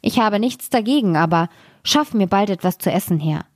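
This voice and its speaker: A woman's voice: mid-range voice, expressive, moderate pace, dry recording, clean studio sound, lightly acted. A woman doing a gullible, exclaiming miller. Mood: gruff. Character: gruff, gullible village miller.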